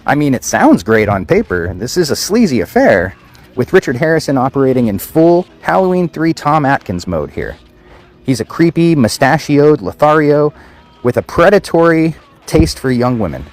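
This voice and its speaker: A man's voice: mid-range voice, darkish tone. A man hosting a film podcast, reading a scripted movie review in a wry, sarcastic way with casual fillers.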